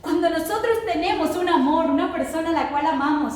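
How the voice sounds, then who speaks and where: A woman's voice: extremely high pitch, fairly quick, darkish tone. A woman preaching a sermon with call-and-response, emphatically asking the congregation to repeat her words. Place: church hall. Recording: very echoey hall, voice from far off. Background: congregation answering.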